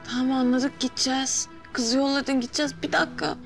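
An actress playing a guarded, angry young girl in a TV drama, sharp and defiant as she snaps back. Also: sits high, fairly even intonation, fairly quick, soft background music. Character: angry guarded teenage girl who distrusts men. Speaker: schoolgirl character in a TV drama. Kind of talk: TV drama acting.

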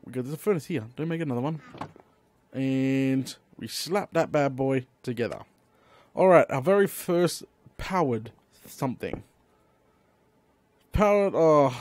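A man giving chatty, excitable Let's Play commentary, talking to himself as he builds and bursting into eager exclamations. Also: medium pitch, dry recording. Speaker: gaming YouTuber.

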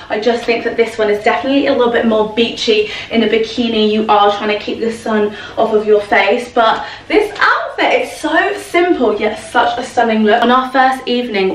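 A young woman vlogger gushing about her outfits as she sorts clothes at home. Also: a little high. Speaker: fashion vlogger. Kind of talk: casual styling chat to camera. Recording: roomy echo, distant from the mic.

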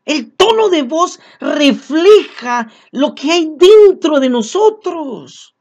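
A man's voice: extremely high pitch, expressive, takes it slowly, a little mellow. A man preaching a sermon, earnest and repeating his key phrases as he speaks to his congregation as brothers.

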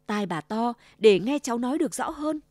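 A woman's voice: on the high side, animated, a little fast, darkish tone, dry recording, studio quality. A woman voicing a wicked, greedy old male wolf in a storybook reading, growling and faking a sweet grandma voice. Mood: falsely sweet.

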